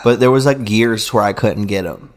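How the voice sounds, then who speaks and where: A man's voice: lowish voice, normal speed. A young man co-hosting a podcast with crude, joking, mock-hyped banter. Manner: crass, mock-hyped jokey rants. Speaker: podcast co-host.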